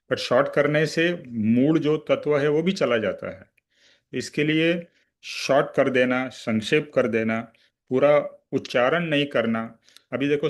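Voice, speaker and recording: A man teaching a spiritual study class, explaining patiently, slipping in English words and checking in with his listeners. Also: medium pitch. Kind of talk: religious study-class talk.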